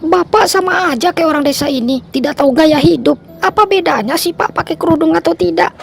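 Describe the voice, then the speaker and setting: A woman's voice: very high-pitched, fairly quick, creaky, poor audio. A woman voicing a rebellious teenage schoolgirl who turns frightened, pleading and tearful. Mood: defiant. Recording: music playing underneath.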